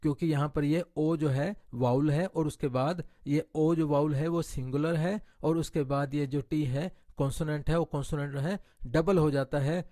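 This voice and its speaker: A man teaching grammar in Hindi, reading each rule slowly and deliberately before explaining it. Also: a little high, fairly even intonation, warm tone, no room sound. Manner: explains in Hindi, reads English rules slowly and carefully. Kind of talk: classroom grammar lesson.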